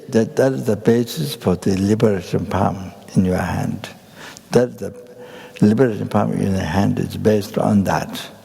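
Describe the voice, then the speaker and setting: An older man from Nepal, giving a Buddhist teaching in a halting way full of fillers and restarts. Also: on the low side, creaky, warm tone, husky. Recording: hall reverb.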